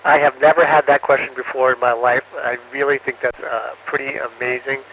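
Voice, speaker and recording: An astronaut answering students over a radio link from space that is breaking up. He speaks haltingly with frequent fillers and ends each answer with "over". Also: medium pitch, level tone. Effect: radio downlink from space, muffled and breaking up. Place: on board the space station. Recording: muffled radio link with faint static.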